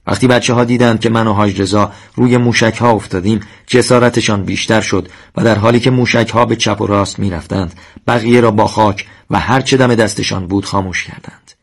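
Male narrator with a somewhat low voice for a steady, solemn reading of a war memoir. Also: gravelly.

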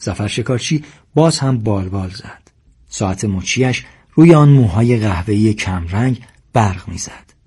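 A man narrating an audiobook story in a measured storytelling manner. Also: fairly low pitch, animated, a little mellow, breathy edge.

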